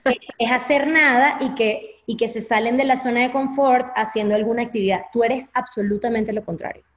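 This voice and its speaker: A woman's voice: fairly high pitch, fairly even intonation, a little fast. A young adult woman with a Venezuelan Spanish accent, a guest telling her own story candidly and acting out her past thoughts. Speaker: interview guest. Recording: echoey, slightly dull audio.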